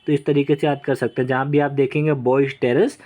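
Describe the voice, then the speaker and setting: A man's voice: medium pitch, little pitch movement, fast, darkish tone. A young man giving an exam vocabulary lesson, repeating points and checking in with "okay" and "right". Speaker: vocabulary teacher.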